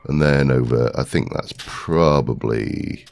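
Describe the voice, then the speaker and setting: Slow and bass-voiced with vocal fry and a darkish tone, a congested man rambles through gaming commentary. Muttering to himself while searching, he peppers his talk with ums.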